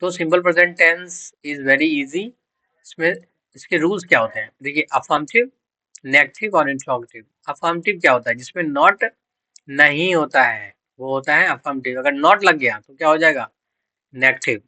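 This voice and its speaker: A man's voice: on the high side, normal speed, bright, forceful tone, no room sound, poor audio. A man teaching English grammar for exam prep. He quizzes students, answers his own questions and spells out words letter by letter.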